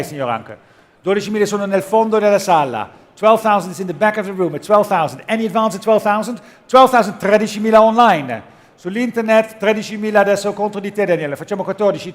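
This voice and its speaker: A man working as an auctioneer, calling bids in a repetitive chant at a live auction and switching between languages. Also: high voice. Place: auction room.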